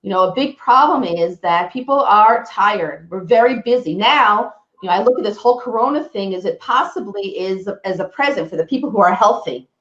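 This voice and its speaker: A woman's voice: medium pitch, expressive, a little fast, few pauses, a bit bright, reverberant, lo-fi sound. A woman presenting a webinar, telling a personal story in an earnest way, often restarting her sentences. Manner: earnest, self-interrupting storytelling with frequent restarts. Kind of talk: personal story and health talk.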